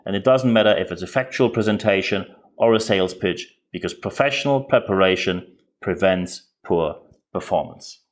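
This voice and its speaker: Speaking English as a second language with a German accent, a man hosts a podcast in a low voice at a moderate pace. His commentary is direct and earnest, with frequent repeated words.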